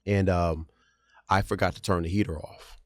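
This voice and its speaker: A podcast co-host with a deep voice tells a story at a moderate pace during a casual chat, in a recording with no room sound. He's an animated storyteller, performing the quotes and sound effects himself.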